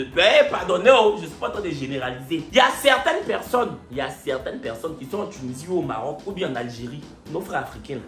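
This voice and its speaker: A woman's voice: fairly low pitch, roomy sound. A woman, hosting a comic reaction to online comments in a mocking, theatrical way, talking straight back at the people who wrote them. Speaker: online show host.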